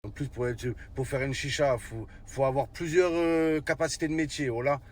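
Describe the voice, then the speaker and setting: A man's voice: mid-range voice, steady tone, moderate pace. A man with a French urban street accent tells comic stories in casual street slang, exclaiming with mock indignation. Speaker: comedian telling stories to the camera.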